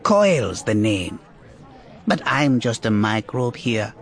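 A man's voice: mid-range voice, sing-song, slow. A man voicing a small, sly male rodent-like alien inmate who wheedles, giggles and ends his lines with coaxing tag questions. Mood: sly, wheedling. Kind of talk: audiobook character voice.

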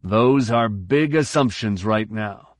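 Narrator playing a stubborn old-school admiral, higher and pushier, dry close sound. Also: male voice, takes it slowly, no echo. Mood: defiant. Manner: bold, pressing, raised in argument. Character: resigned, defiant male fleet admiral.

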